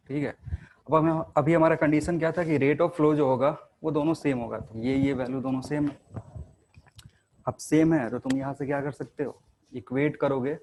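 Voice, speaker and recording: Man, fairly high voice, physics teacher, step-by-step explanation, asks the students questions. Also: a little mellow, slight background noise. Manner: explains step by step, often asks the class and checks with "ठीक है ना". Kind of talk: classroom lecture at a board.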